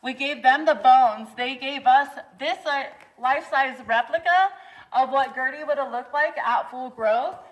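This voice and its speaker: A woman leading a cave tour in a casual, chatty way, her voice echoing off the cave walls. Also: high voice. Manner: casual, chatty, gives safety reminders. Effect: cave echo. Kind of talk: guided tour talk. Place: inside a large cave. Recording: echoey cave voice from a distance, faint noise.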